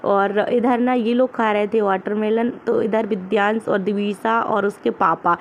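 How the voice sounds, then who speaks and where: A young mother talks over home footage in a relaxed, conversational voice-over at an ordinary middle pitch. She rambles in a homely way, with frequent fillers and self-corrections. A faint hiss of background ambience sits under her voice. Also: a little slow, creaky. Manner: homely, chatty, with filler "ना" and restarts. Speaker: family vlogger, mother.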